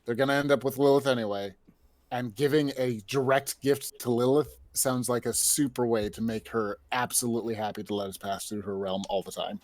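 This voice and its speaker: A man playing a tabletop role-playing game, speaking in measured, polite tones as his cleric character. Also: mid-range voice, fairly even intonation, a little mellow, no room sound. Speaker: player.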